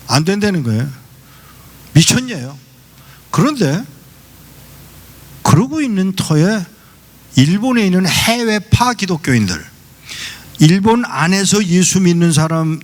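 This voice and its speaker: A male pastor preaching a sermon, telling a story and acting out the dialogue in quoted voices. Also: a little high. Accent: Seoul Korean. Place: church sanctuary.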